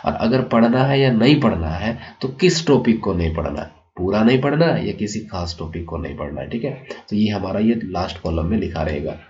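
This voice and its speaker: A man's voice: on the low side, animated, fairly quick, hardly any pauses. A male teacher walking students through a school syllabus, repeating checks like "okay" as he explains. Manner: repeats "ठीक है" and addresses children warmly, explanatory. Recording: dull lo-fi sound.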